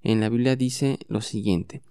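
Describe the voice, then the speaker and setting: Slow gravelly male English teacher. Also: fairly low pitch, dark tone, studio quality. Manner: patient, repeats words for the listener to echo. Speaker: English teacher and podcast host. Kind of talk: bilingual podcast lesson.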